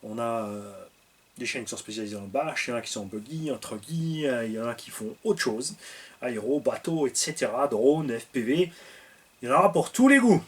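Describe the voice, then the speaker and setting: A man's voice: mid-range voice, expressive, a little fast, slightly rough, far from the mic. A man hosting a hobby channel, giving an upbeat, casual introduction. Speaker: channel host.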